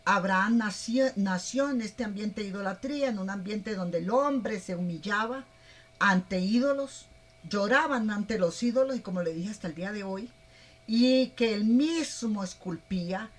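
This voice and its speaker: A woman preacher, giving a rambling, animated sermon. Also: medium pitch, normal speed. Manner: animated, rambling, plays out voices.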